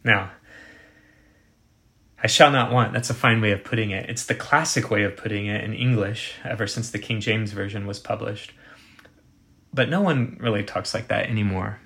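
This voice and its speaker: A man preaching a sermon, measured and emphatic, slowing down to dwell on quoted scripture. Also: fairly low pitch, steady tone, gravelly, a bit bright. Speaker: pastor.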